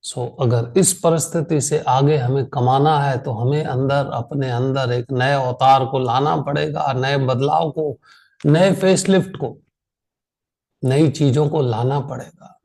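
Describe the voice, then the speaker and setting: An Indian man leading an online insurance sales training, tired after a long meeting, speaking slowly and repeating key phrases for emphasis. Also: mid-range voice, gravelly, darkish tone, rough recording.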